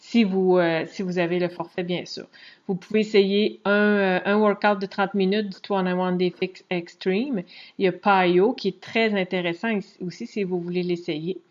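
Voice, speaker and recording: A woman's voice: on the low side, moderate pace. Chatty Quebec French woman, lo-fi. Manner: chatty, relaxed, frequent hesitations. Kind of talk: casual screen walkthrough tutorial. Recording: dull lo-fi recording.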